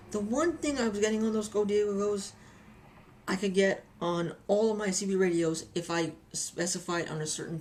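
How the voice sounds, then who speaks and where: A woman with a medium-pitched voice and a little hiss or hum gives a casual, chatty review of a hobby. She tells anecdotes and often repeats phrases for emphasis.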